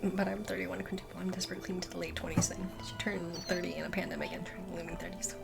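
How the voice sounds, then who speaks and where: Female streamer, 20s, gravelly fry, laughs at herself, loud music bed. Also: fairly low pitch, little pitch movement, fast. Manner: chatty, self-mocking, laughs often, swears. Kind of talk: casual chat while gaming.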